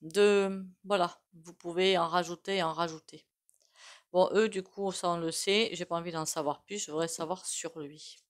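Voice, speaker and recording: A woman with a fairly low, steady voice and a moderate pace gives a casual tarot reading to camera. She has a regional French accent and is chatty and rambling, full of fillers and little asides to herself.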